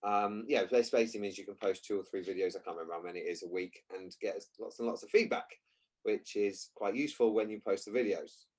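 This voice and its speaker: A man's voice: lowish voice, fast, a little mellow. A man hosting a casual interview, talking in a teasing, jokey way. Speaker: host, agility coach.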